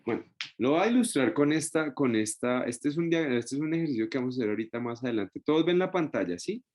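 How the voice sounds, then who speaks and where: Male Bible study teacher, mid-pitched, stops and restarts a lot and keeps checking that the group follows. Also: expressive, fast talker, darkish tone. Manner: keeps checking in with the group with short tag questions; explains step by step with many restarts. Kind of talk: Bible study lesson with a shared screen.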